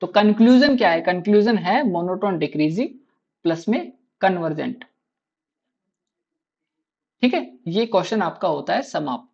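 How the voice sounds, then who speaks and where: A man's voice: sits high, lively intonation, moderate pace, vocal fry, pauses often, a little mellow, husky, lo-fi sound. Drilling, quizzing male maths teacher. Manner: quizzes students with constant rhetorical questions; repeats key answers to drill them in. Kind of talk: live online class lecture.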